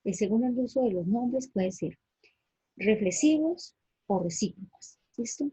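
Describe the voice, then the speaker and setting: A woman teaches a grammar lesson to her class. Her voice is dark and mellow, with a strongly husky, breathy grain. She explains patiently and keeps asking the students whether they follow. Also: fairly high pitch, expressive, a little slow, no echo, low-quality recording. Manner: patient, explanatory, checks understanding with "¿sí?".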